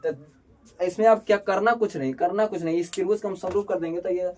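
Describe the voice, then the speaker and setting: A man's voice: high-pitched, a little fast, a little mellow. A man teaching a board-exam lesson, asking questions and answering them himself and calling students "babu". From Bihar. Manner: colloquial, calls students "babu". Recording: distant mic with faint background noise.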